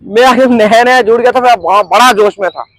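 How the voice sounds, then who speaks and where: A man's voice: very high-pitched, fairly quick, fairly bright tone, rough recording. A man leads a network marketing seminar, constantly quizzing his audience and drawing call-and-response answers. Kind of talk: interactive seminar talk. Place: training room with a group audience.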